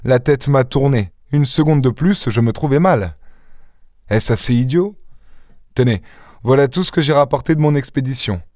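A man reading an audiobook voices a boastful, witty gentleman thief with theatrical exclamations. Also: medium pitch, expressive, normal speed, dry recording, clean studio sound, pitched above the performer's own voice, close to an everyday voice. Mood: rueful. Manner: theatrical, exclaiming, mock-indignant.

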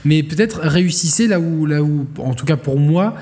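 A man's voice: fairly high pitch, moderate pace, warm tone, long reverb tail. A man co-hosting a casual gaming podcast, rambling with many fillers and restarts. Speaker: podcast co-host.

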